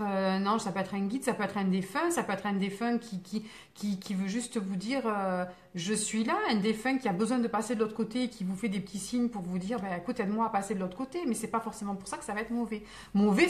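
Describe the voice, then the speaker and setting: A woman hosting a live stream as a spiritual medium, talking casually and answering viewer comments, with many fillers, restarts and digressions in a reassuring tone. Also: mid-range voice. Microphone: phone.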